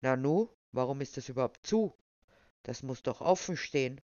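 A reader voicing a stubborn male attendant who scolds in a high falsetto, in a dull, dry recording. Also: lively intonation, normal speed, darkish tone, dry recording, lightly acted. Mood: puzzled, commanding. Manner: speaks in full falsetto, scolding. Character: stubborn indignant male official guarding a whale.

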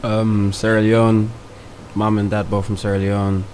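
A man's voice: fairly low pitch, monotone, measured pace. A young man with a south London accent, answering casually in a group interview as a brand co-founder. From Croydon, south London, England. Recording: faint background noise.

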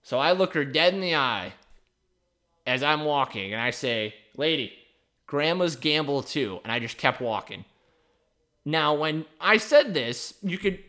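A man's voice: a little high, pushed and bright. A young man hosting a podcast, telling a story in a rambling, wry, profane way. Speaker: podcast host. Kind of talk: casual storytelling.

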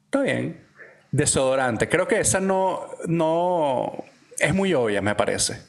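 A man, co-hosting a podcast, telling stories in a relaxed, slangy way with frequent restarts. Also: fairly high pitch, slow pace, vocal fry. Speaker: podcast co-host. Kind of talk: casual chat.

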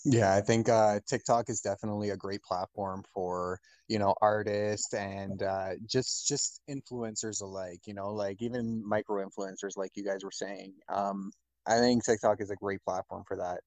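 A man's voice: on the low side, steady tone, moderate pace, darkish tone, no echo. A man in a casual online Q&A, agreeable and brief, often affirming others. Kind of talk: casual conversation.

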